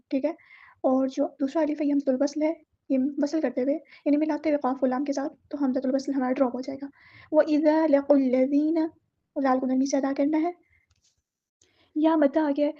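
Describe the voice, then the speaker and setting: A woman teaching word-by-word recitation, who slowly draws out each word and then explains it briskly and patiently. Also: high-pitched, warm tone, lo-fi sound. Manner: alternates slow drawn-out recitation with brisk explanation; patient, instructive, repeats words to model correct pronunciation. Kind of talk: tajweed lesson, word-by-word explanation.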